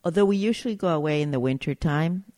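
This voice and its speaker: Low-voiced woman. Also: fast talker, dark tone. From Chile. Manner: chatty, storytelling, searches for words. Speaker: winery owner, interview guest. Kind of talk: casual interview chat.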